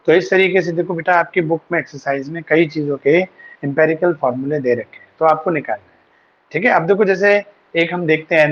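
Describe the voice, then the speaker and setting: A man's voice: fairly high pitch, slight background noise. A man teaching a chemistry class online, patiently talking students through formulas and mixing in English terms. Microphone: online class setup. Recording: dull lo-fi sound.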